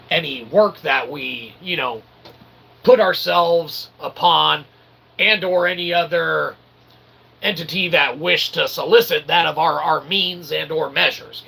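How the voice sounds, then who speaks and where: A channel host and self-published author rambles through an informal monologue in mock-formal, wordy phrasing, often checking in with a short questioning tag. His voice is a little high, creaky, bright, forceful, and slightly rough, on a low-quality recording.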